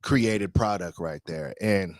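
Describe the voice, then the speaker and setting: A man co-hosting a podcast in casual chat, playful and rambling, pausing on fillers as he talks. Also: low voice, no room sound. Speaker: podcast co-host.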